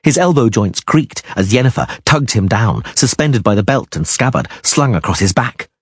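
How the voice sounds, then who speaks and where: A man's voice: mid-range voice, lively intonation, normal speed, slightly rough, dry recording, clean studio sound. A man reading a fantasy audiobook aloud in dramatic narration, leaning hard on action words. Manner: emphatic, swelling on action words.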